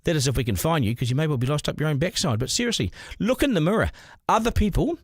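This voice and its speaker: A man's voice: fairly high pitch, expressive, fast, slightly rough, dry recording, clean studio sound. A man, hosting a podcast with a blunt, opinionated monologue. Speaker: podcast host.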